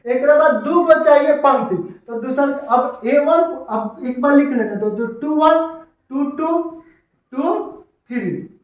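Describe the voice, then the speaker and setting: A man's voice: very high-pitched, slow. A man with a Bihari Hindi accent teaching a maths lesson, repeating steps and voicing his students' questions back to them. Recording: echoey room, voice from far off.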